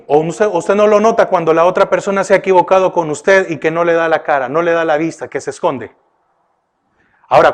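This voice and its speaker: A male pastor delivering a sermon, questioning his listeners often and turning from emphatic bursts to hushed remarks. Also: a little high. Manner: preaching with repeated rhetorical questions to the congregation; often addresses listeners with "oiga" and "¿verdad?".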